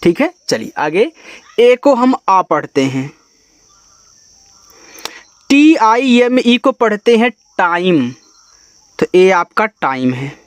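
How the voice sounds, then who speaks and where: A man's voice: high voice, sing-song, slow pace, pauses often. A man teaching beginners to read English words, spelling each word letter by letter and then explaining how to pronounce it. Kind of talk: spoken lesson on reading English words.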